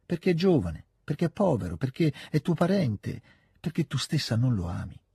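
A man voicing a gentle, admonishing older countess. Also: medium pitch, moderate pace, vocal fry, slightly rough, no echo, clean studio sound, voice pushed up, full character voice. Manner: calm, tender, admonishing. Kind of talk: literary reading aloud.

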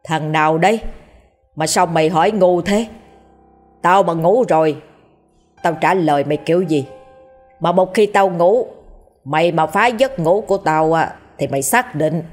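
Rude, scrawny old village shaman, gruff and lowish, husky, voiced by a woman. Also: unhurried, long pauses, darkish tone, faint music behind. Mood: scornful, angry. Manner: gruff, insulting, low-voiced.

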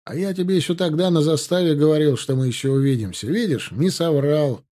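A man's voice: on the high side, fairly quick, mellow, pitched above the performer's own voice, lightly acted. A man reading as a seasoned veteran soldier. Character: veteran male soldier, calm storyteller. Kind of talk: audiobook character voice.

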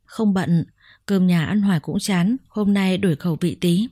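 A woman voicing a calm, gentle widowed man in a spoken story, with a soft-spoken, even delivery. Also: fairly low pitch, moderate pace, no echo, clean studio sound, natural voice. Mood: easygoing.

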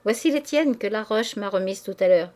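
A woman reading the part of a poised young wife who speaks crisply and with a teasing edge. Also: medium pitch, animated, normal speed, darkish tone, close to an everyday voice.

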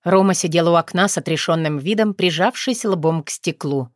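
A woman reading a novel aloud as audiobook narrator, measured and unhurried. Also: lowish voice, no room sound, studio quality. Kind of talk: scripted narration.

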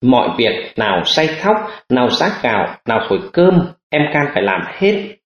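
A man's voice: mid-range voice, big pitch swings, moderate pace, echoey room, muffled recording. A man voicing a deferential female household servant in an audiobook.

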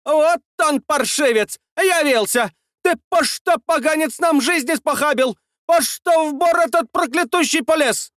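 A man's voice: very high-pitched, unhurried, few pauses, a bit bright, no room sound, clean studio sound, pitched above the performer's own voice. A man voicing a brawling middle-aged village woman who scolds shrilly and theatrically. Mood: indignant.

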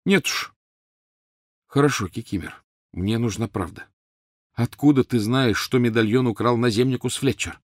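A man voicing a young male wizard who fires off sharp, demanding questions and orders. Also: mid-range voice, normal speed, long pauses, no room sound, clean studio sound, close to an everyday voice. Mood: urgent. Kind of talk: audiobook character voice.

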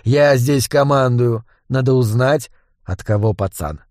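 A man's voice: medium pitch, a little slow, darkish tone, dry recording, clean studio sound, lightly acted. A man voicing a menacing gang boss who growls threats. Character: grim male gang boss, menacing thug.

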